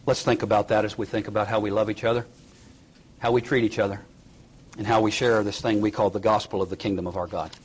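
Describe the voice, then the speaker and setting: A man delivering a sermon in a dramatic storytelling way. His voice leaps high for emphasis, then sinks low and quiet for tender moments. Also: flat delivery, quick pace, a little hiss or hum. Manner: dramatic retelling with acted quotes, rising and dropping to a hush. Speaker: preacher.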